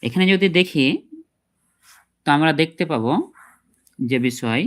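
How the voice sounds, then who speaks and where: A man teaching Quran recitation in an online class, patiently explaining mistakes and slowly reciting the words. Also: on the high side, lively intonation, a bit bright. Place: online class, voice over a shared screen.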